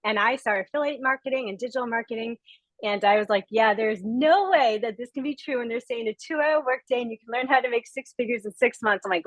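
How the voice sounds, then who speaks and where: Woman on a webinar call gushing about her story, kinda high voice, super dry sound. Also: a bit bright, no room sound, poor audio. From Rhode Island. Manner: gushing, heartfelt, emphatic. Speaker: guest speaker. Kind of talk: emotional testimonial on a webinar. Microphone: video call.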